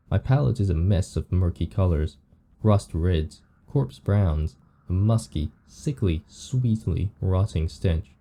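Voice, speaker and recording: A man reading the lines of a weary, morbid undead painter from a visual novel, slowly and somberly. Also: low voice, dark tone, slight background noise. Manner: slow, somber reading of game text.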